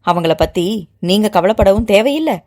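A proud young mother pushed to her limit, voiced by a woman storyteller. She speaks hotly and insistently, her voice swinging widely in pitch. A tense audio-novel heroine. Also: lively intonation, normal speed, darkish tone, lightly acted. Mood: agitated. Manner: heated, agitated and insistent.

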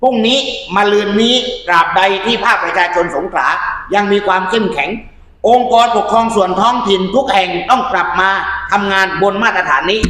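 Fast-talking man in a roomy space. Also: sits high, pushed and bright, a little hiss or hum. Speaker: civic activist. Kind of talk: impassioned civic talk.

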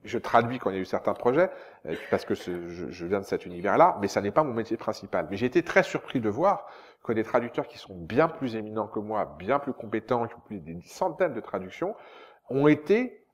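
A man, a stage director and translator, giving a public lecture in a lively, expressive way. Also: fairly low pitch, a little fast. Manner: animated, expressive speaker who sometimes sounds out rhythms. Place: lecture hall.

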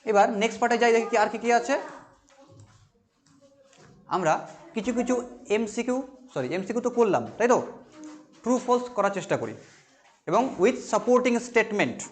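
High-voiced male teacher quizzing students. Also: lively intonation. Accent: Bengali. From West Bengal, India. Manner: asks questions and answers them himself; reads English lines slowly, then explains. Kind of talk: exam-prep class lecture.

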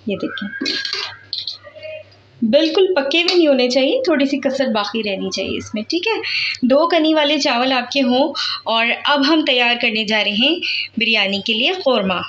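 This cooking vlogger from Pakistan speaks in a high, expressive, slightly bright voice at a moderate pace, explaining a home recipe step by step at the stove with an Urdu accent and plenty of "theek hai." Filmed on a handheld phone, the sound is muffled with a little background noise.

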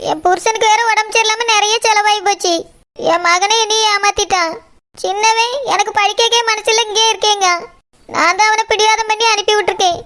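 A woman's voice: very high voice, bright, forceful tone. A woman with a Tirunelveli Tamil accent voicing a tearful, scolding village mother-in-law in a cartoon. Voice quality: wailing, complaining. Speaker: cartoon character. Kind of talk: cartoon voice acting.

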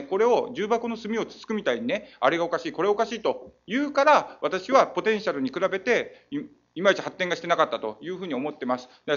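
A man with a Saga accent answers as mayor, making emphatic and persuasive appeals to the council. He talks fast and his pitch swings widely. The audio is a muffled lo-fi council chamber feed.

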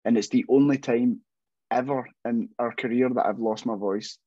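A young man who sings in a metal band chats casually in an interview over a video call from a room at home. His mid-range voice is warm, fairly even in intonation and normal in speed, and he rambles with many restarts and self-deprecating asides. The video call audio is dull and dry.

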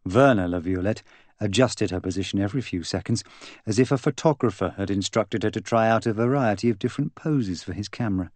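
An audiobook narrator with a fairly low voice reads a mystery novel, measured and expressive in a polished literary style. The recording is close and very dry, with no room sound or echo.

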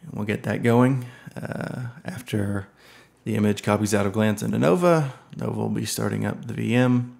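A man with a low voice and heavy gravelly fry walks through a software setup at his computer in a casual screen-recorded tutorial. He's relaxed and unhurried, thinking aloud and filling pauses with ums and uhs as he clicks along.

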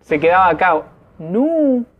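A man with a high voice and big pitch swings speaks at a slow pace over lo-fi audio. He's a gamer doing casual let's play commentary in Rioplatense Argentine Spanish, full of slang and swearing, and he yelps in panic when scared.

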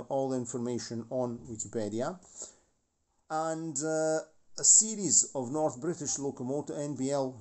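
A man in his forties who hosts a model railway channel rambles casually about a model locomotive, restarting often and going off on asides. His voice is mid-range and mellow.

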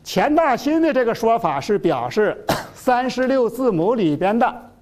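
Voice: mid-range voice, sing-song, unhurried, a little mellow. A middle-aged lecturer giving a classroom lecture, full of fillers, who repeats key phrases and stretches out terms for emphasis. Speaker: university lecturer.

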